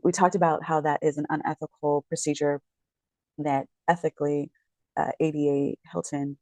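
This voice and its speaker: A woman who works as a real estate agent and legal commentator chats casually about a court case from home late at night, her low, slightly mellow voice sounding tired and worn. She rambles, corrects herself, and apologizes along the way. The audio is poor, with no room sound.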